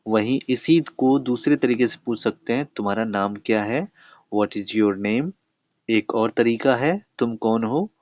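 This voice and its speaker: A man with an Indian English accent giving a spoken English lesson, slowly dictating example questions and answers. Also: mid-range voice, a little mellow, no echo. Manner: slow, deliberate dictation of example sentences. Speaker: English teacher. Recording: slightly dull, lo-fi sound.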